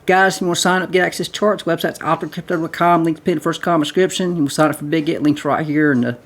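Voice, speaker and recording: A man's voice: on the high side, steady tone, fast. A man hosting a casual trading video, rambling through chart commentary, repeating himself and calling his viewers guys. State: short of breath. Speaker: crypto trading video host.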